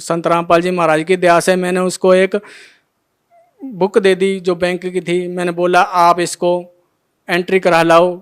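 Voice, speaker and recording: A man's voice: sits high, monotone, a little slow, clean tone. A middle-aged man emotionally telling his testimony as a devotee, acting out the dialogue of each scene. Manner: retells scenes by acting out every line of dialogue.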